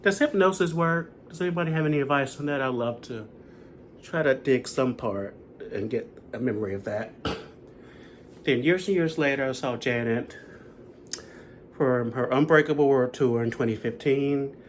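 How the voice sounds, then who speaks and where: A man's voice: medium pitch, normal speed, a little hiss or hum. Chatty man in his thirties. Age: 30s. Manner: chatty, rambling fan recap. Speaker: concert vlogger. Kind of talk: casual chat.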